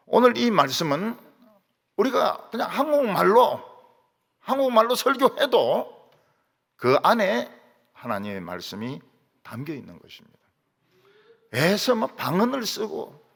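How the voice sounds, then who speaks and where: A middle-aged male pastor preaching a sermon, quizzing his congregation and swinging between loud and soft. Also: on the high side, vocal fry. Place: church sanctuary. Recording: long hall reverb.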